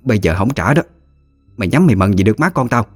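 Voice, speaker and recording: A man's voice: on the low side, big pitch swings, fast talker, no echo, studio quality, soft background music. A man voicing a stubborn, scornful old mother-in-law, talking in curt, clipped bursts.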